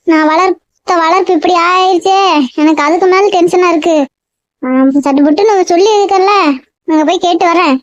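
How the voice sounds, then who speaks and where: A woman's voice: very high-pitched, no room sound. A woman playing a distraught mother who pleads and wails, on a dull, dry recording. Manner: wailing, pleading. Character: distraught mother, emotional and stubborn.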